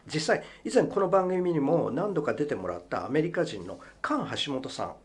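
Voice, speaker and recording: A man's voice: a little high, lively intonation, moderate pace. A man hosting a radio show in a studio, explaining English pronunciation in a chatty, emphatic way and speaking straight to his listeners. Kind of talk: radio talk explaining language learning.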